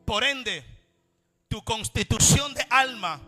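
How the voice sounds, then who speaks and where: High, bright-voiced preacher. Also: male voice, lively intonation, takes it slowly, faint music behind. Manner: impassioned, repetitive preaching cadence, swinging between shouting and quiet. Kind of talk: sermon.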